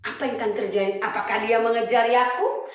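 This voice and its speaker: A woman with a high voice tells a Bible story to children, lively and full of questions for her young listeners. She sounds distant, in a very echoey church hall. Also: brisk. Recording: echoey hall, mic far off.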